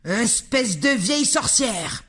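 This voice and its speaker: A tall, furious mustached father, blustering and shouting, as a woman narrator puts him on for a storybook. The voice swings widely and gets very loud. His lines come out slow and heavy. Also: mid-range voice, very animated, husky, soft background music, voice pushed up, heavily acted.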